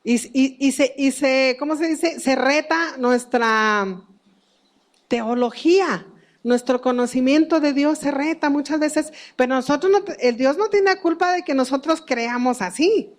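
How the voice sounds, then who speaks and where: A middle-aged woman with a high voice teaches the Bible in a relaxed, conversational way. She keeps putting questions to her listeners and laughs lightly at her own family stories. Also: measured pace.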